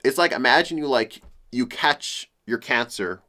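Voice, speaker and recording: Young male vlogger, mid-range voice, low and depressed, candid rambling monologue with fillers. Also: expressive, unhurried, sharp tone. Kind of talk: personal venting monologue.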